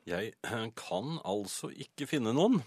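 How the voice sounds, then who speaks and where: A man co-hosting a comedic radio show in a studio, telling stories in a deadpan, hesitant way. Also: medium pitch, breathy edge, dry recording. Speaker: radio host. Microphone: studio microphone.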